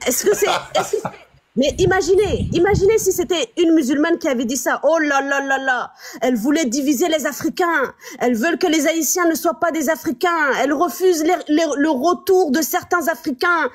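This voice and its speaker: Her voice sits high and her speed is normal as she runs a live stream. Reacting to clips, she lively poses rhetorical questions to the audience.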